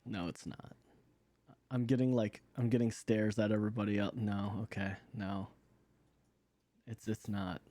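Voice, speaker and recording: A man's voice: lowish voice, level tone, measured pace, pauses often, mellow, no room sound. A man hosting a tabletop game stream in casual chat, playful and laughing often. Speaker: player and show host.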